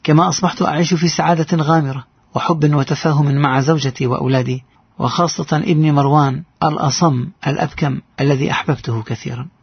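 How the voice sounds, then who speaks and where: A man's voice: a little high, fairly even intonation, fast, vocal fry, breathy edge, no room sound, highs cut off. A man narrating a heartfelt first-person story in an earnest voice.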